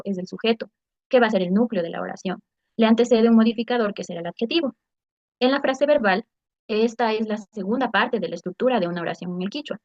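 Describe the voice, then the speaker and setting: A woman's voice: medium pitch, a little mellow, dry recording, highs cut off. A woman giving a class presentation, reading structured points in an explanatory way. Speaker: student presenter.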